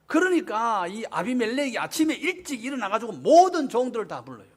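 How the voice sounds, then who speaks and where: A man's voice: very high voice, sing-song, a little fast. A man, preaching a sermon as pastor, emphatic and often asking the congregation questions. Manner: emphatic, asks the congregation questions, acts out quotes.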